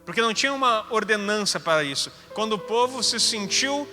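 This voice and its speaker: Male preacher, Gaúcho accent, high ringing voice; chatty teaching sermon, light music under. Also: lively intonation, a little fast, sharp tone. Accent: Gaúcho Brazilian Portuguese. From Rio Grande do Sul, Brazil. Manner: conversational, joking asides. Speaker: apostle preaching. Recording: hall reverb with faint music.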